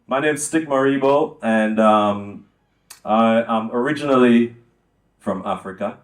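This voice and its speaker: An older man from Jamaica, hosting a live on-stage chat with a small audience and speaking in a measured way with many ums. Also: medium pitch, echoey room. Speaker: host. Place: music lounge venue with a small audience.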